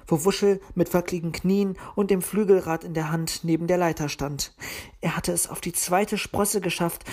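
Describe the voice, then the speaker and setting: A woman with a fairly low voice reads a storybook aloud. Her narration is calm and even, unhurried between the characters' lines. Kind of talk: storybook reading.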